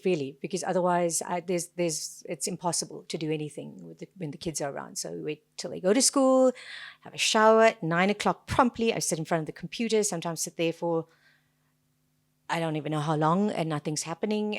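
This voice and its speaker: A woman with a Durban Indian South African accent, chatting casually and anecdotally as an interviewed author, animated, jokey and self-deprecating. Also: fairly low pitch. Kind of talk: casual anecdotal chat at a book event.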